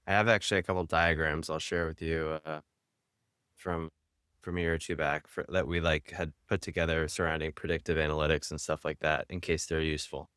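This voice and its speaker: Male host, thirties, very low pitch, dry close sound, casual and hesitant. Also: flat delivery, fairly quick, a bit bright, clear, resonant tone, no room sound. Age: 30s. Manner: rambling, hesitant, many fillers. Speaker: podcast host. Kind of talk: casual interview conversation.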